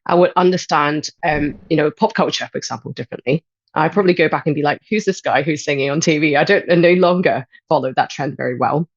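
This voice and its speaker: A woman in her thirties, originally from Hong Kong, talks through her experience as a podcast guest. She speaks in a steady, reflective way, often pausing to gather her thoughts. The sound is dry and a little muffled, like a modest remote setup. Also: sits low, dry recording. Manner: thoughtful, measured, frequent "um". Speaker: guest, life and transition coach. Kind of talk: podcast interview.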